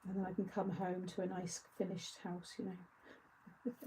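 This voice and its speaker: A woman's voice: lowish voice, little pitch movement, a little slow, noisy background. A woman hosting a live craft-along, chatting casually and answering viewer comments as she works. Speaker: craft show host.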